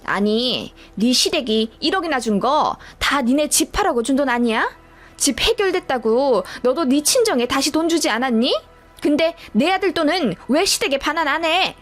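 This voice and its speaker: A woman voicing a cold, self-righteous older mother-in-law who scolds and accuses in a lowered voice. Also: animated, normal speed, faint music behind. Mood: accusing.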